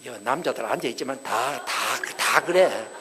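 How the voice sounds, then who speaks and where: A man's voice: mid-range voice, animated, measured pace, bright, forceful tone, rough recording. A male pastor delivering a revival sermon, telling stories and asking the congregation rhetorical questions. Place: church sanctuary.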